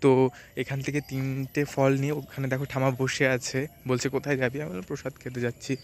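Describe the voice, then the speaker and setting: A man's voice: medium pitch, little pitch movement, a little fast, darkish tone. A man narrating a casual vlog, chatting straight to his viewers from a village. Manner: chatty, addresses viewers directly. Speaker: vlogger. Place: village outdoors. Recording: background noise and outdoor ambience.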